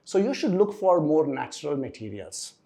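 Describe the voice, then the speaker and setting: A man's voice: fairly high pitch, very animated, moderate pace, creaky, dark tone. A middle-aged man with a South Indian accent explains things conversationally as an interview guest, repeating words for emphasis and often checking in with "right?". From Bangalore region, India. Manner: emphatic repetition, tags statements with "right?". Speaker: interview guest, startup founder.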